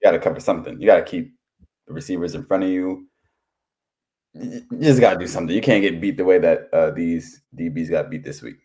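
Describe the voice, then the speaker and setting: A man's voice: sits low, fast, warm tone. A man co-hosting a sports podcast, giving casual analysis of games. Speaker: podcast co-host.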